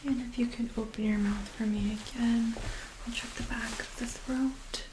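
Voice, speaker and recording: A woman doing a soft, breathy ASMR role-play of a medical exam, with a gentle, calm, reassuring nurse-like manner. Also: on the high side, normal speed, background noise. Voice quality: soft, breathy, often soft-spoken. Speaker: ASMR performer playing a medical examiner.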